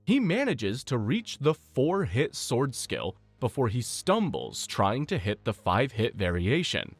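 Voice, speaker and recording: A man narrates a scripted story recap with a lively, rising-and-falling pitch. His read is steady and explanatory, walking through each event in turn. The sound is close and dry, with no room around it. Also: a little slow, breathy edge, no room sound.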